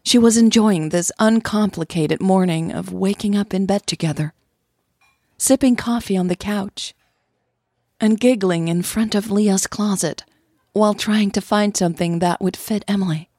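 Acting as a scripted storyteller, a woman reads an audio drama in a husky, faintly breathy voice of medium pitch. She speaks at normal speed with a mellow quality. The recording is extremely dry, with no room ambience at all.

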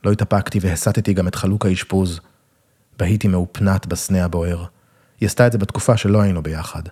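Wry, husky male storyteller. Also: sits low, fairly even intonation, dark tone. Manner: wry, self-mocking. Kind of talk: first-person literary reading.

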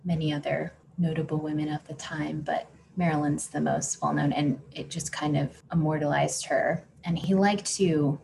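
Woman, podcast host, low voice, casual chat, filler-heavy, laughs a lot. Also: fairly even intonation, moderate pace, vocal fry, few pauses, a little mellow, slight background noise. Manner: chatty, frequent "like" fillers, laughs often.

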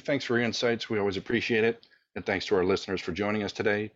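A man hosting a podcast, delivering a brisk scripted sign-off to listeners. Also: deep voice, muffled recording. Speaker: podcast host.

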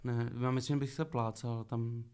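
A relaxed man talks as a guest in a podcast conversation. He rambles through his stories and laughs often, in an ordinary mid-range voice. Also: mid-range voice, clear, resonant tone. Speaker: guest rapper.

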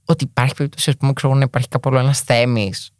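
A man's voice: mid-range voice, flat delivery, no room sound, studio quality. A young man hosting a podcast in a casual, chatty monologue, full of joking asides. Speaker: podcast host.

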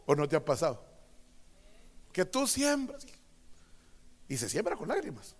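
A man preaching a sermon as a pastor, switching between quiet teaching and loud, drawn-out proclamations. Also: fairly high pitch, huge pitch swings. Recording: long hall reverb.

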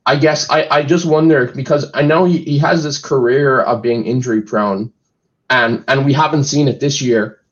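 A man's voice: medium pitch, moderate pace. Hesitant, stuttering man on lo-fi audio. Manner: hesitant, stuttering, many fillers. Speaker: podcast guest analyst. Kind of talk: casual sports chat.

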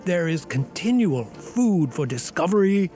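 A man's voice: sits high, big pitch swings, measured pace, dark tone, soft background music. A man playing an encouraging, learned science professor in a radio play, speaking in a formal, declamatory lecturing manner. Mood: oratorical, enthusiastic. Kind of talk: dramatic radio play acting.

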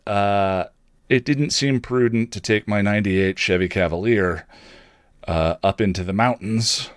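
A man's voice: on the low side, unhurried, no echo. A man hosting a podcast, giving casual, rambling announcements with dry, self-deprecating humour. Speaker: podcast host and streamer.

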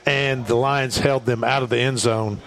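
A man's voice: medium pitch, fairly even intonation, normal speed, vocal fry, fairly bright tone, rough recording. A man giving off-the-cuff football commentary, rambling and repeating his phrases. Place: stadium press box.

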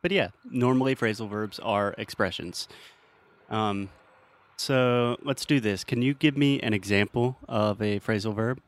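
A man with a fairly low voice hosts a language podcast and teaches English, joking with his guest along the way. He explains grammar patiently using simple examples, speaking a little slowly in a close, dry recording with no room around it.

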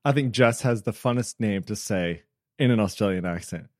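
A man's voice: on the low side, moderate pace, over music. An American man co-hosting a podcast, chatty and self-deprecating, rambling a little as he thinks aloud. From United States. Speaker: podcast co-host. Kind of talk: casual chat.

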